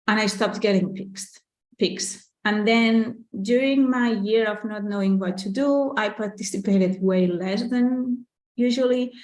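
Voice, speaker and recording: A native Catalan speaker with a Catalan accent, this artist and business owner hosts a casual live Q&A, reading viewer questions in a chatty, candid way full of "like," "you know," and small laughs. Her mid-range voice is a little mellow, and the audio is reverberant and poor.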